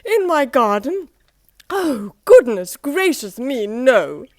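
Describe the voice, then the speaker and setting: A woman's voice: sits high, big pitch swings, slow, dry recording, studio quality, pitched above the performer's own voice, heavily acted. A woman voicing a prim, fussy little cartoon man who is easily upset and talks in a prissy, emphatic way. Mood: prissy indignant.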